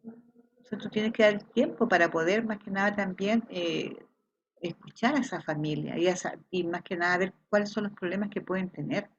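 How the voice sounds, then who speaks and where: A woman's voice: medium pitch, moderate pace, slightly rough, dull audio. A woman with a Chilean accent teaching an online class, explaining patiently and checking in with frequent questions. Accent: Chilean Spanish. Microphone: video call.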